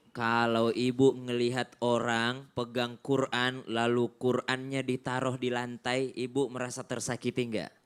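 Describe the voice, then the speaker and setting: A man preaching, measured and a little teasing. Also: mid-range voice, fairly bright tone, smooth. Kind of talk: sermon.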